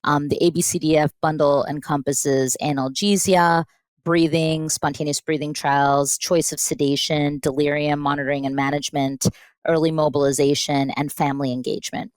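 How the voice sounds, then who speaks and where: A woman, a pediatric intensivist, telling the story of her program in a lively conversational podcast interview, acting out remembered dialogue as she goes. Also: deep voice, moderate pace, no echo. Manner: animated storyteller, acts out quoted dialogue.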